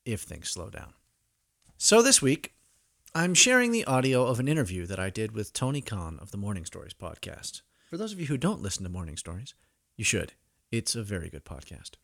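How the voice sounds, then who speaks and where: A man's voice: fairly low pitch, wildly swooping pitch, fairly quick, fairly bright tone. Wry man introducing his podcast. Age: 30s. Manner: wry, dry humor. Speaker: podcast host.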